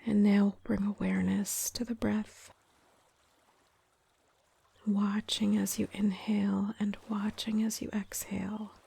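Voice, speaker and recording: A woman guides a soft-spoken meditation, slow and breathy, with a whispery voice at medium pitch. As a meditation guide and yoga teacher, she stays calm, gentle, and soothing, unhurried and pausing at length.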